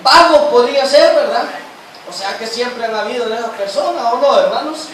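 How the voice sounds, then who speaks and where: Man, high voice, church Bible study teacher, questions the congregation constantly, very echoey room, distant mic. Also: normal speed, a bit bright. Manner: keeps quizzing the congregation with questions; addresses listeners as brothers constantly.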